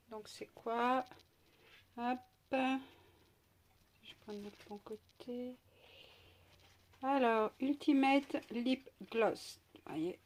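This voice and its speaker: Chatty woman vlogger, a bit high-pitched, lots of euhs, noisy recording w/ crinkly packaging. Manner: chatty, many fillers, talks to her pet in a high sing-song. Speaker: beauty vlogger. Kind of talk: casual unboxing chat. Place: at home.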